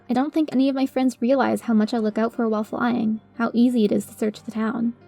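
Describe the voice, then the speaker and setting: Higher-pitched woman narrating a story over music. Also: level tone, brisk, creaky, mellow. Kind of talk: first-person dramatic story narration. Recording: music under the voice.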